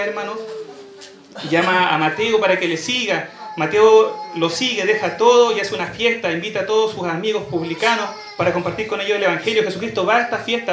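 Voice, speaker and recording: High-voiced man preaching in an echoey hall. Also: fairly bright tone, a little hiss or hum. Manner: storytelling with rhetorical questions to the congregation. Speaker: pastor. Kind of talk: sermon.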